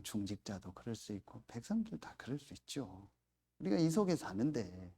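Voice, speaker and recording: A man's voice: medium pitch, warm tone. A middle-aged man preaching a sermon as pastor, telling a family story and acting out his own angry outbursts.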